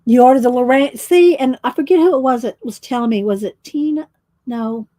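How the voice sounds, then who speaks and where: A woman's voice: high voice, fairly quick, dark tone, dry recording. A woman chatting casually with viewers during a coloring live stream, rambling and restarting her sentences. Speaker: livestream host coloring.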